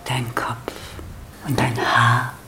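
A woman speaking ritual phrases in a slow whisper. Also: rumbling low, completely flat delivery, vocal fry, background noise. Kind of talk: ritual speech.

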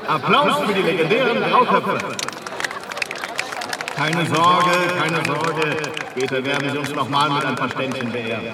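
A jovial stage announcer at a festival, as an actor plays him in a radio crime play. He sounds far off through an echoey PA. A loud crowd and street noise surround him. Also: on the high side, a little slow, lightly acted. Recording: echoey distant PA over crowd.

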